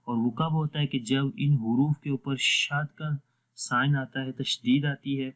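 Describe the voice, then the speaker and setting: A man teaching an online lesson on Quran recitation rules. He explains patiently, step by step, and slowly models recited words. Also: mid-range voice, steady tone, a bit bright, poor audio.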